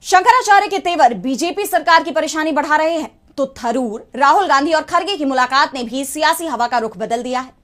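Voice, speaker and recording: A woman news anchor with a high-pitched voice. She presents scripted headlines and introduces reports in a formal bulletin style. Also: fairly quick, hardly any pauses, a bit bright.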